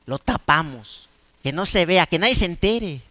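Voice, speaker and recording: A man's voice: high-pitched, expressive, normal speed, sharp tone, in a large hall. A man with a Mexican accent preaching a sermon as pastor, talking conversationally and peppering his points with rhetorical questions. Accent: Mexican Spanish.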